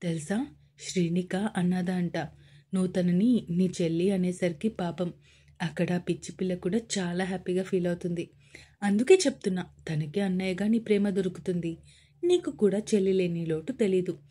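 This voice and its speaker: A woman voicing a caring, playful young wife who coaxes gently in a romance story. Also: lowish voice, fairly even intonation, normal speed, slightly rough. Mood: coaxing.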